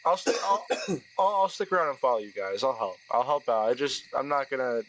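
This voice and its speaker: A man plays a tabletop game, chatting casually and slipping into character. His voice sits at a medium pitch, with faint noise and insects behind it. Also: expressive, fairly quick, fairly bright tone, rough recording.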